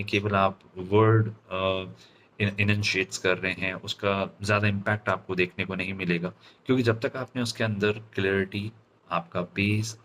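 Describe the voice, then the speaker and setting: A man with an Indian accent and a fairly low, somewhat bright voice gives an instructional lecture as a speaking coach. He talks in deliberate, halting phrases, often stopping to check in with questions, and slight background noise is audible.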